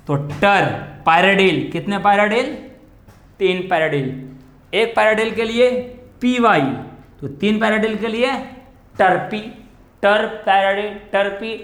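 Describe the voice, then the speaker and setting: Male chemistry tutor, high voice, echoey classroom, quizzes himself as he explains. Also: fairly bright tone. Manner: questions and answers himself, drawn-out key terms. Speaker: chemistry teacher. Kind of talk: classroom lecture on coordination compounds.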